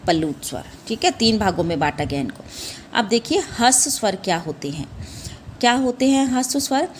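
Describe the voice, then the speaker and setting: A woman's voice: medium pitch, animated, brisk, a little hiss or hum. A young woman teaching a class of children, patient and repetitive, asking questions back, calling the pupils "beta", and drawing out sounds when she demonstrates them. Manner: patient, repeats "ठीक है" and asks questions back; calls listeners "बेटा" and "बच्चों". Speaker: primary school Hindi teacher. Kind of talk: classroom lesson.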